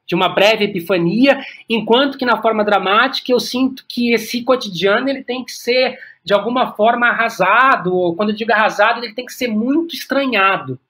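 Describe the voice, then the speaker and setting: Speaking with a Brazilian Portuguese accent, this man is a playwright and director appearing as a guest on a podcast interview. His voice is high and a bit bright. He searches for his words, stopping and repeating them as he thinks out loud until the rest of the idea comes.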